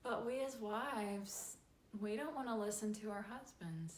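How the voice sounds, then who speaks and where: A woman talks slowly and deliberately. Her delivery is folksy and animated, with homespun asides. The room sounds echoey, and there is a faint hiss behind her. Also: mid-range voice. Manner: folksy and animated, acts out little scenes. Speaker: host. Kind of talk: faith-based advice talk.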